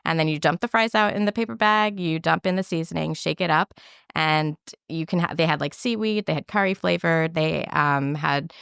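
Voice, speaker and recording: Low, gravelly woman chatting in interview. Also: normal speed, fairly bright tone, no room sound, studio quality. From Hong Kong. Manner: chatty, many fillers like "um" and "like". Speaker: guest, food writer and former restaurant inspector. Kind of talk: casual interview chat.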